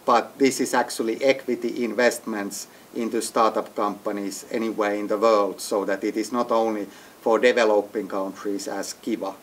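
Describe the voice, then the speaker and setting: A man's voice: fairly low pitch, level tone, normal speed, slight background noise. A man from Finland being interviewed as an entrepreneur, speaking English as a with hesitant phrasing and frequent restarts. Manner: hesitant, restarts often, non-native phrasing. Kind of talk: business interview. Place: executive briefing center.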